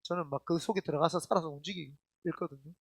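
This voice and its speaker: Male pastor, high voice, emphatic colloquial preacher who questions the congregation. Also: fairly even intonation, quick pace, vocal fry, no echo, studio quality. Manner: addresses the congregation directly with questions. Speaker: senior pastor. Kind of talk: sermon.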